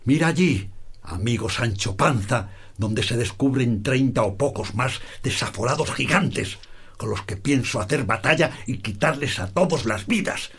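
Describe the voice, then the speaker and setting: Don Quijote, a husky deluded knight. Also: male voice, mid-range voice, animated, normal speed, a bit bright, full character voice. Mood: grandiloquent. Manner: archaic, pompous declamation. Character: deluded grandiose old knight, lofty and fervent.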